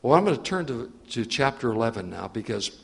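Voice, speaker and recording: A man's voice: mid-range voice, big pitch swings, a little fast, vocal fry, fairly bright tone, husky, in a large hall. A male preacher reading scripture aloud and retelling it with his own asides in a sermon. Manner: reads scripture, then acts it out with asides.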